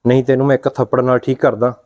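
A man's voice: mid-range voice, little pitch movement, fast talker, darkish tone, lightly acted. A man playing a stern husband who scolds his wife and comforts his sister. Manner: stern, reproachful. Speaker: husband and brother.

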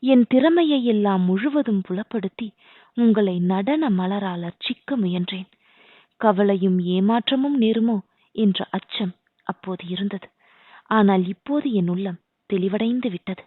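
A woman's voice: medium pitch, measured pace, dry recording, close to an everyday voice. A woman reading the part of a devoted young dancer, pleading with heartfelt, devotional feeling. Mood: devoted, yearning. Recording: dry, tinny phone-like sound.

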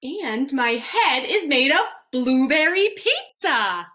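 A woman's voice: high-pitched, sing-song, takes it slowly, pushed and bright. A woman teacher reading a picture book aloud to children with playful, mock-dismayed reactions.

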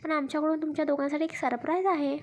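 A woman reading a playful young brother-in-law, always joking at the couple's expense. High-voiced and light, told as a storybook. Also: fairly even intonation, fast talker, natural voice.

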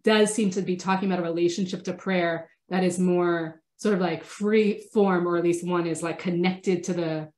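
Over a laptop webcam in her home study, a woman rabbi in her thirties with a stuffy, sniffly cold answers chat questions during a casual online class. She has a lowish, steady voice and a moderate pace with hardly any pauses, though she restarts sentences often. Her manner is thoughtful and warmly engaged, and the audio is roomy.

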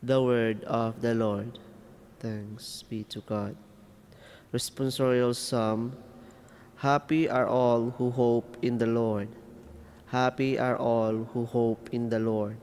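A male lector reading scripture and the psalm in a steady, deliberate way, with a cathedral echo around his voice in a large church. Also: mid-range voice, smooth. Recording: long church reverb.

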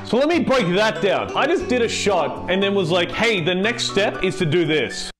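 A man's voice: sits high, big pitch swings, moderate pace. A tipsy, giggly young man chatting casually to camera in a rambling, sweary way as he cooks in a home kitchen. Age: young adult. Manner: sweary, exclamatory. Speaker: host of a comedy cooking video. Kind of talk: casual chat to camera while cooking. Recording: music playing behind the voice.

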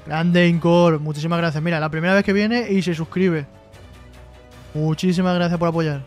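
Man, high voice, live-stream host, jokey reading chat aloud, light music in the background. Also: fairly even intonation, normal speed. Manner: joking, reads chat messages aloud and replies.

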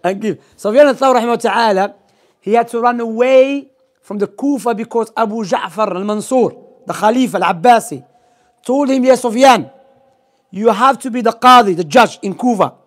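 A young man with a very high-pitched, brisk voice gives an informal Islamic lesson in a small library room, telling stories and posing quiz questions. His English is non-native and sprinkled with Arabic terms, and he speaks into a gooseneck microphone close to his mouth.

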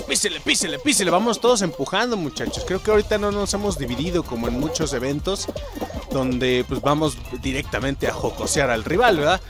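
A young man with a Mexican accent giving excitable live gameplay commentary, swearing and shouting at the game. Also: high-pitched, creaky. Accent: Mexican Spanish. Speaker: gaming YouTuber.

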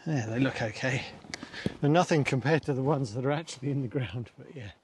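Brisk and medium-pitched, this middle-aged man talks casually as he works his allotment, chatting and laughing to himself while he digs and plants outside. Background noise is audible, and his camera mic is at times a distance away.

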